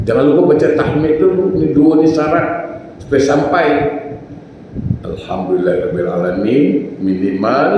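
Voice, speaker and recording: A man in giving a casual mosque sermon, moving between talk and acted-out prayers. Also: medium pitch. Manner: conversational, acts out everyday speakers and prayers. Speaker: preacher. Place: mosque hall. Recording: echoey hall, far from mic, noisy.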